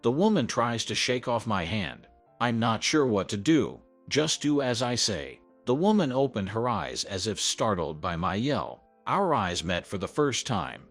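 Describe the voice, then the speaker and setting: A man's voice: fairly low pitch, very animated, normal speed. A man narrating a first-person story in an earnest, scripted way. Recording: soft background music.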